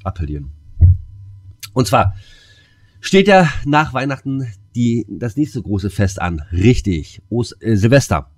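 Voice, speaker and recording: A man's voice: medium pitch, sing-song, slow pace. A man hosting a casual podcast, talking chummily and straight to his listeners. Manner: chummy, addresses listeners directly. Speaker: podcast host.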